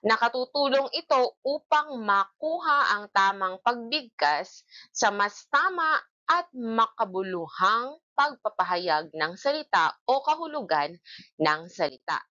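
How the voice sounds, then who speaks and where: A woman leads a reading lesson for young children in a bright, lively voice that swings up and down as she goes. She speaks slowly and spells out each word in clear, separate syllables, then asks the class how many there are. The sound is a little dull and lo-fi, like an educational TV broadcast. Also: fairly high pitch. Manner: slow, clear syllable-by-syllable drilling, asks questions. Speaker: grade one teacher.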